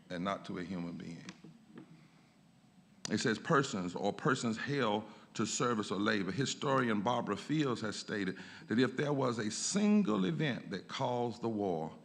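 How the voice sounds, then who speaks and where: A man, a pastor, giving a lecture in a church, emphatic and rising in pitch on key points. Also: vocal fry. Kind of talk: lecture with a preaching cadence. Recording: long church reverb.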